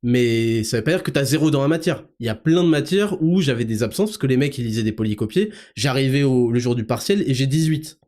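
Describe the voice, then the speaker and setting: A man hosting a podcast, telling a personal story in a rambling, colloquial, animated way. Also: mid-range voice, fairly quick, hardly any pauses. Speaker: podcast host. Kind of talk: casual storytelling to listeners.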